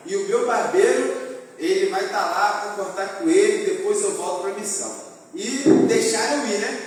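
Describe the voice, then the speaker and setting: A young man gives a lively, self-mocking testimony in church and keeps asking his listeners questions. His voice sits a little high for a man. He is picked up from far off in a big hall with long, booming echo. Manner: animated storytelling, asks the audience rhetorical questions. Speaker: youth speaker. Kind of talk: humorous personal testimony from the pulpit. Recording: echoey church hall from far off with faint noise.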